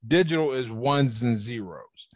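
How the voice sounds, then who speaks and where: A man's voice: mid-range voice, expressive, a little slow, dry recording. A man being interviewed on a podcast, explaining his ideas at length in a casual, conversational way over a video call. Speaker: podcast guest.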